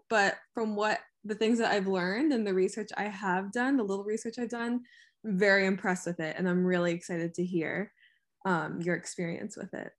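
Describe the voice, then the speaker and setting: A young woman, a student, interviewing someone in a friendly, upbeat way with short encouraging replies. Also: medium pitch. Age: young adult. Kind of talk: casual interview.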